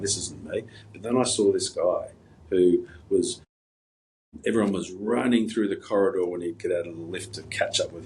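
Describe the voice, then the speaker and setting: A middle-aged man answering interview questions in a relaxed, anecdotal way, wandering through stories with plenty of fillers and restarts. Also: low-pitched, slight background noise, poor audio. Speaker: guest. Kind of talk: casual interview storytelling.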